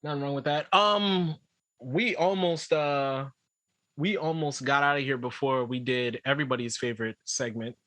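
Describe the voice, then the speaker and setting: A man co-hosting a podcast in casual chat, teasing his friends loudly and laughing often. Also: mid-range voice, normal speed, dry recording. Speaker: podcast co-host.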